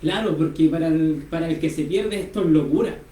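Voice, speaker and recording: A man's voice: a little high, brisk, mellow, distant mic. Earnest man preaching in an echoey room. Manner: earnest, storytelling, many amens. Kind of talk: preaching on a radio-style program.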